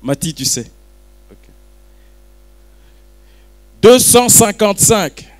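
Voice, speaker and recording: Teasing the audience as he goes, a man calls and repeats bids at a book launch's live auction, keeping the patter jokey. He speaks high-pitched and very animated, taking his time.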